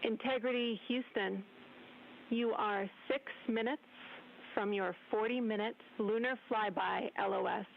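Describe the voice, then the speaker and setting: A woman calling from mission control over a crackly space radio loop, with crisp, formal callouts. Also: on the high side, fairly even intonation, measured pace. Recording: tinny phone-like radio line with hiss.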